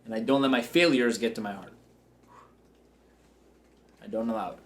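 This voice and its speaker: In a lowish voice at a moderate pace, a man hosts a coaching show as a business coach. His motivational talk is self-assured, upbeat and joking.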